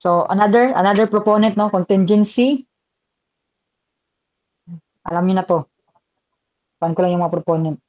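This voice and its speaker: A man's voice: high voice, moderate pace, long pauses, darkish tone, dry recording, lo-fi sound. A man with a Filipino accent giving a live online exam review lecture, chatty and switching between languages as he reads out viewer comments.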